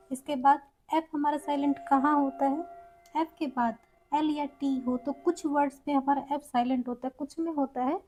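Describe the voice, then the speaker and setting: A woman's voice: sits high, dark tone, poor audio. A woman teaching an English pronunciation lesson in Hindi, explaining each word simply and repeating the correct sounds.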